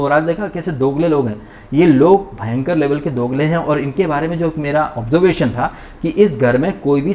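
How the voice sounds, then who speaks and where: A man's voice: fairly high pitch, a little mellow. Indignant man ranting. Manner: indignant, ranting, mocking impressions. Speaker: show review vlogger. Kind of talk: opinionated commentary monologue.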